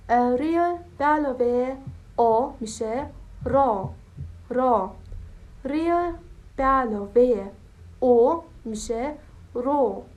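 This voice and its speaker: A young woman with a slightly high voice teaching a language lesson. She explains each step patiently and stretches out syllables as she repeats them for practice. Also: a little mellow.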